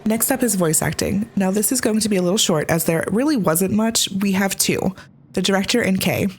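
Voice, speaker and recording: A woman's voice: medium pitch, fairly quick, breathy edge, faint music behind. A woman hosting a scripted game review, with a conversational, opinionated delivery. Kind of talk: scripted video review narration.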